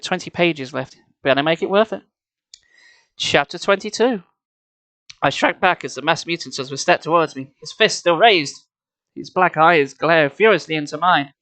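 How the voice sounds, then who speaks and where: A live-streaming storyteller performs a children's book expressively, sprinkling in relaxed asides that are wry and mocking. The voice is mid-range with a fairly bright tone.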